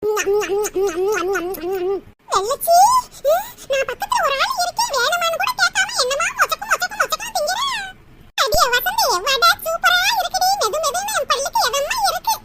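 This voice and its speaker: A woman voicing a sharp-tongued, quarrelsome old mother-in-law in a cartoon comedy, with a nagging, scolding manner. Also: extremely high pitch, very animated, brisk, loud music behind the voice. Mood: greedy, pleased. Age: older. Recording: loud background noise.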